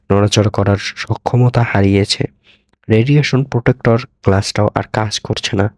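Brief: male horror narrator, low voice, measured dramatic delivery, dry close recording. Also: no echo. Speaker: storyteller. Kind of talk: scripted horror story narration.

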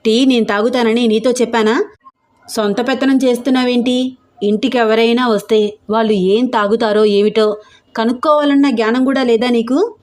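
A woman's voice: fairly high pitch, level tone, slow. A woman voicing a haughty, scornful middle-aged aunt who taunts a servant. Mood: scolding. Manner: sharp, taunting.

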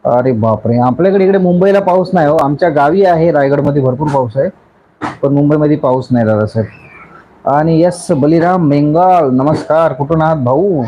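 A man's voice: fairly high pitch, moderate pace, lo-fi sound. A man from Raigad hosting a casual live stream. He greets commenters one by one in a chatty, effusive way. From Raigad, Maharashtra, India. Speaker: YouTube live-stream host.

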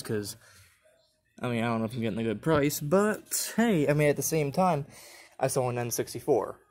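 A young man with an average-pitched voice talks his way through an antique mall, filming on a handheld phone as he walks. He rambles casually, laughs a lot and jumps up in excitement whenever something catches his eye. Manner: rambling, chatty, laughs often, excited bursts at finds. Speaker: vlogger. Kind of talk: casual handheld shop walkthrough vlog. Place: large indoor antique mall with glass cases. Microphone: phone camera held while walking.

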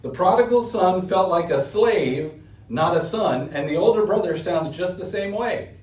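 A man's voice: animated, normal speed, darkish tone, distant mic. A middle-aged man preaching a sermon at a lectern, earnest and building force on key points. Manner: earnest preaching, rising in pitch and force when stressing points. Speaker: pastor. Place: small indoor room, standing at a lectern. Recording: roomy echo, voice set back from the mic.

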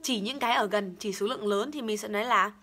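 A woman's voice: medium pitch, fast talker, bright, forceful tone. A young woman teaching English pronunciation, over-enunciating and repeating each word as she demonstrates it. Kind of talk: bilingual pronunciation lesson.

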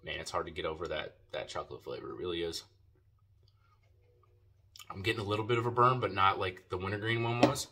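A man with a low, bright, forceful voice talks fairly quickly but leaves long pauses. With a lip full of dip, he gives a laid-back, slangy, profane product review in a casual video.

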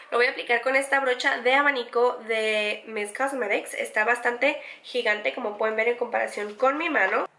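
A woman's voice: fairly high pitch, bright, forceful tone, reverberant. A pregnant young woman walks through a makeup tutorial, chatty and enthusiastic, repeating words for emphasis. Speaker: beauty vlogger.

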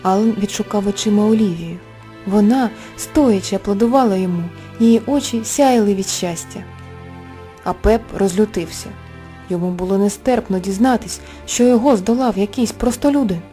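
Mellow-voiced woman telling a fairy tale. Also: medium pitch, moderate pace. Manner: gentle, expressive storytelling. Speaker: narrator. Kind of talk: scripted fairy-tale narration. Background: soft background music.

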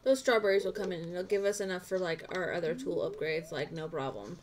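A woman's voice: lowish voice, quick pace. A woman streaming a farming game live, rambling and talking to herself as she plays. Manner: rambling, talks to herself while playing. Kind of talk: casual live gameplay chat.

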